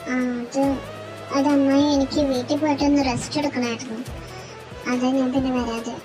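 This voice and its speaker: A hurt young heroine, acted by a woman in a fan audio drama, speaking quietly and haltingly while crying. The voice is very high and thin. Background music plays clearly behind her. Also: steady tone, lightly acted, low-quality recording. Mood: tearful. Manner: quiet, hesitant, tearful.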